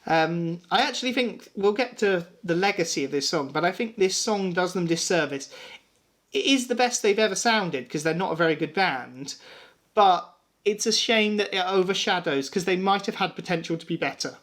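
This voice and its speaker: A man's voice: high-pitched, lively intonation, moderate pace, a bit bright. A man co-hosting a casual music chat, rambling and self-deprecating. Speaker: podcast co-host.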